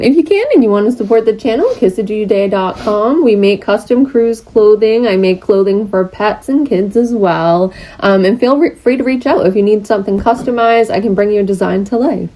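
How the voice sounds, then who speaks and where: Mellow-voiced woman travel vlogger. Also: medium pitch, slight background noise. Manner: friendly, rambling, with fillers. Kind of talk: casual vlog narration.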